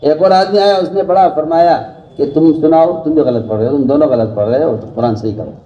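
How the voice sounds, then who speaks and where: A man preaching a sermon to scholars, speaking emphatically, repeating key phrases and rising sharply to stress points. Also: on the high side. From India. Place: large mosque hall. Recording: dull lo-fi recording from far off.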